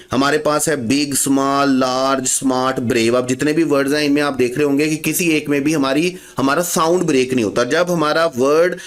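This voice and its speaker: Man teaching grammar, drilling with questions. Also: a little high. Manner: asks the class questions and answers them himself, calls students "beta"; slows to spell out example words and phrases. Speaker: English teacher. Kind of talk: exam-prep grammar lecture.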